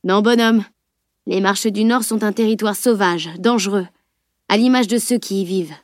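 A woman's voice: medium pitch, steady tone, moderate pace, no echo, lightly acted. A vain knight, voiced by a woman narrator, boasting about his looks and muttering when teased. The delivery stays near a plain reading voice with a grumbling edge. The recording is close and dry. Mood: explaining. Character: boastful, vain male knight, easily offended.

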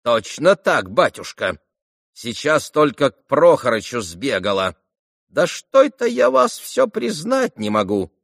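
A man's voice: mid-range voice, very animated, a little slow, creaky, fairly bright tone, no echo, clean studio sound, pitched above the performer's own voice, exaggerated voice. A man voicing an old female servant who talks in a fussy, deferential way. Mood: fussy chatter.

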